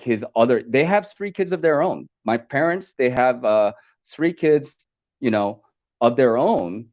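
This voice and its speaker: A man born in Korea and raised in America, chatting over a call and talking haltingly with many fillers and restarts. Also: on the low side, muffled recording. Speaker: podcast guest. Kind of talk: casual chat over a call. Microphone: video call.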